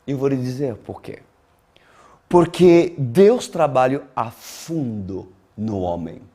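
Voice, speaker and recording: With a medium pitch and lively intonation, a slow, mellow-voiced male pastor gives a sermon. His Portuguese was learned in adulthood; it's not his native language. He preaches with deliberate emphasis, dramatic pauses and repeated phrases.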